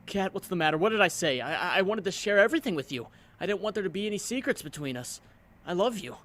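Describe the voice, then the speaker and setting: A man's voice: high voice, animated, quick pace, a bit bright. A man voicing an earnest, lovestruck young superhero, torn about who he is, in a dramatic comic dub. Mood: hurt, confused. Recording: music behind the voice.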